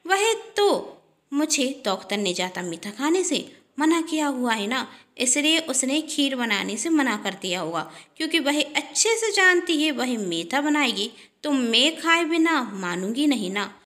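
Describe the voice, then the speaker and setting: A woman's voice: high-pitched, sing-song, unhurried, a bit bright, voice pushed up, heavily acted. A woman voicing a kind elderly mother-in-law who talks in a fond, reassuring way.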